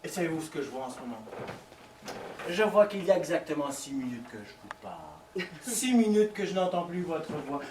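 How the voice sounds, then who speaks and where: A slightly high, darkish male voice with lively intonation delivers brisk lines as a lovesick man pleading with his lover over the phone. The stage actor talks theatrically and stammers in this live comedy piece, recorded from afar with echo and slight background noise.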